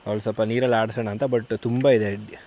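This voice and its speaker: A man hosting a camping vlog outdoors by a river, explaining things calmly in casual chat. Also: fairly quick, a little hiss or hum. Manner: explains calmly, then talks high and loud to his small child. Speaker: vlogger host.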